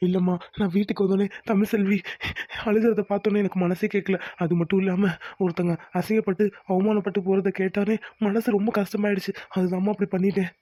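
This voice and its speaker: A woman's voice: mid-range voice, level tone, quick pace, mellow, dry recording, studio quality, close to an everyday voice. A woman voicing a firm, protective young husband who lectures and reassures his wife. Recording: dull lo-fi sound.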